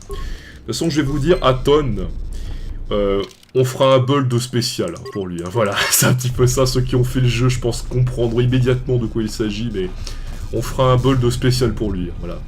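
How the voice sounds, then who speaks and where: A man's voice: mid-range voice, moderate pace, soft background music. A young man hosting a let's play, casual and rambling, often stumbling and restarting as he talks over gameplay. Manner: rambling, hesitant, restarts and fillers. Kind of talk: casual game commentary.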